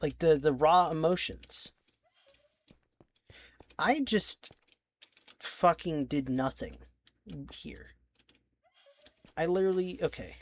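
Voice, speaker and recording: A man's voice: a little high, takes it slowly, long pauses. A young man narrating his video game, rambling and frustrated, swearing and restarting his sentences. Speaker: let's-play creator. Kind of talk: game commentary. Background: faint keyboard clicks.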